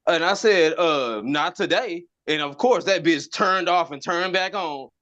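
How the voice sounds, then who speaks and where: A man doing a stand-up set, telling animated stories and often repeating his words as he stammers. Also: high-pitched, normal speed, lo-fi sound. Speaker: stand-up comedian.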